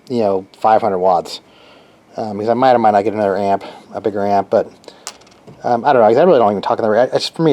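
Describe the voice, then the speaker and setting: A hobbyist builder, male, walks through a casual, unscripted how-to, pausing and thinking out loud as he works with his hands. His voice sits on the low side with a dark tone.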